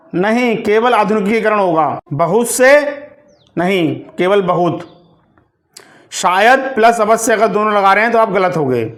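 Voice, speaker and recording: A man teaching a grammar lesson for exam preparation, reading out correct and incorrect words slowly and deliberately, one by one. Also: high voice, fairly bright tone. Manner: slow, deliberate, word-by-word dictation of correct and incorrect forms.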